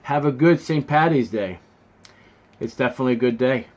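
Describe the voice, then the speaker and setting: A man vlogging to camera in a casual, earnest way, with many restarts, often dropping low and quiet on sincere points. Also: fairly quick, lo-fi sound.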